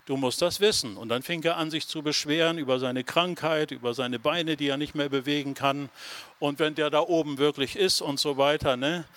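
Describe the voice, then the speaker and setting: A man's voice: on the high side, steady tone, moderate pace, a bit bright. A man preaching a sermon, telling a story to his listeners and then building to raised, emphatic phrases. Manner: talks straight to the listeners, with many tag questions.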